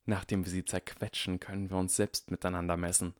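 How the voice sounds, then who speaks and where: A man's voice: sits low, flat delivery, a little fast, dry recording, studio quality, lightly acted. A man reading aloud and voicing a proud, scheming aristocratic boy wizard who speaks in a wary, pointed way.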